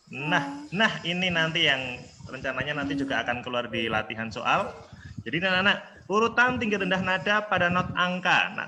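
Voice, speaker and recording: A man's voice: high-pitched, pushed and bright, slight background noise. A male primary school teacher teaching an online class over a laptop video call, patiently coaxing answers and singing the scale notes. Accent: Indonesian.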